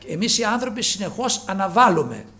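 A man preaching a sermon with fervor, rising to loud calls and dropping low. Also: sing-song.

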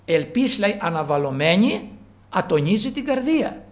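A man preaching a sermon with fervor, rising to loud calls and dropping low. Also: big pitch swings.

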